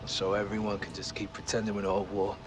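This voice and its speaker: An actor playing a frustrated, defiant army sergeant in a video game, blunt, bitter and clipped. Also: male voice, on the low side, monotone, quick pace, lightly acted. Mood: bitter frustration. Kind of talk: cinematic video game acting. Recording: game music behind dialogue.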